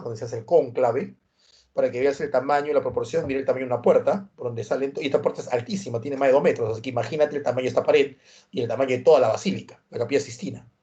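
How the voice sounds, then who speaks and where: A man from Peru lectures on history to exam students, with a mid-range voice. He tells stories with animation and keeps tossing in quick check-in questions. The recording is slightly dull and lo-fi. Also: medium pitch. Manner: animated storytelling, frequent tag questions. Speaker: history teacher. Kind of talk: university prep lecture.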